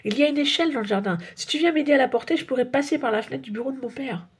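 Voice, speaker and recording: A woman voicing an excitable little schoolboy in a storybook reading, eager and breathless. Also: high voice, very fast, husky, pitched above the performer's own voice. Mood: excited.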